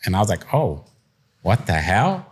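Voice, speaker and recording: Speaking at normal speed in a low, husky, sing-song voice, this middle-aged entrepreneur from Puerto Rico appears as a podcast guest. He tells personal stories in a candid, conversational interview. His manner is plain-spoken, streetwise and reflective.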